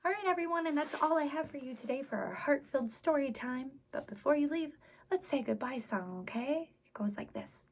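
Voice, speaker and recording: She speaks a little fast in a high, expressive voice. Hosting story time for kids, she reads aloud and chats with them in a sing-song, exaggerated, encouraging way while background noise is clearly heard.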